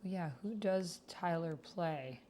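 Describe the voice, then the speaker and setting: Speaking slowly in a mellow, lowish voice, a woman runs a casual livestream where she role-plays and reads out what she types. Her chatter is aimed half at viewers, half at herself. Constant keyboard typing makes the recording clearly noisy.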